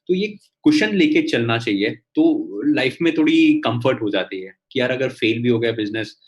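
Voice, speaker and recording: A man's voice: mid-range voice, animated, normal speed, muffled recording. A man talking casually as a guest entrepreneur on a video call, with many fillers and restarts.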